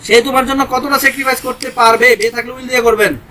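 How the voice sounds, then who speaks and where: Man, Bangladeshi accent, English teacher, high voice, bright tone, step-by-step explaining, faint hiss behind. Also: steady tone, fast, poor audio. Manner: explains step by step, mixing Bengali with English examples. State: sweating in a hot room. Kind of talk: informal grammar lesson.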